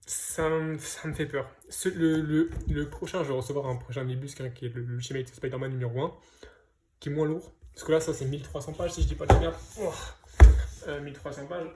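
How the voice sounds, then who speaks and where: A man's voice: on the high side, level tone, a little fast, darkish tone, a little hiss or hum. A man casually presenting his comic book purchases to viewers, hesitant, with lots of fillers and restarts. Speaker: comic book collector vlogger. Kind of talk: casual unboxing chat.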